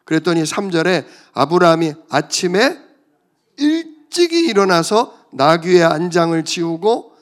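A male pastor preaching a sermon, telling stories in an animated way and calling out for amens. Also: high voice, measured pace. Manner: animated storytelling, calls for amens.

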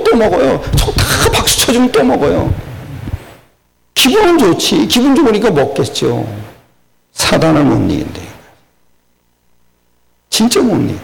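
An older man preaching a sermon, questioning the congregation and swinging between loud rises and low murmurs. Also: creaky, slight background noise, low-quality recording. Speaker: pastor.

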